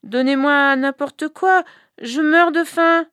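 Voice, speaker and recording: A woman's voice: high voice, slow, a bit bright, no room sound, studio quality, pitched above the performer's own voice. A woman voicing a humble mother disguised as a beggar, speaking in a plaintive, pleading voice.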